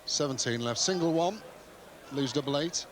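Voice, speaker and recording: A man's voice: fairly high pitch, moderate pace. A man giving live television darts commentary in terse phrases. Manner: terse phrases, reading out checkout combinations. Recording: noisy TV broadcast over loud crowd. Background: very loud crowd noise.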